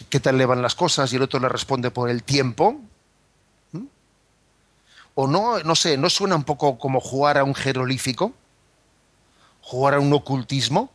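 A man's voice: medium pitch, a bit bright, no echo. A man explaining scripture as a catechism teacher, speaking thoughtfully with frequent tag questions and fillers.

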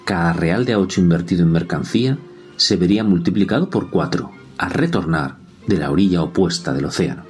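A man giving a measured, scripted historical narration. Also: low-pitched, expressive, soft background music. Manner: measured, descriptive storytelling.

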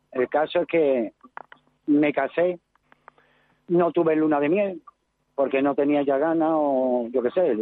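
A man's voice: on the high side, dry recording. A man from Seville calling a radio show on the phone, earnestly telling a long personal story in a rambling way. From Seville, Spain. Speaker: caller. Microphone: telephone. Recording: tinny phone line.

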